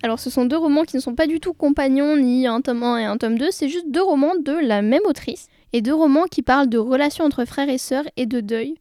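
A woman's voice: high-pitched, brisk, hardly any pauses, mellow, dry recording, clean studio sound. A young woman casually talking about books she loves, enthusiastic and chatty, with frequent hesitations. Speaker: book vlogger. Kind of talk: casual book chat.

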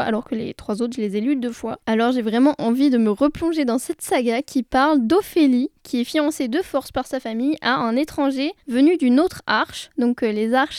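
A woman's voice: sits high, darkish tone, no echo, clean studio sound. A young woman casually talking about books she loves, enthusiastic and chatty, with frequent hesitations. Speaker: book vlogger. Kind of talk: casual book chat.

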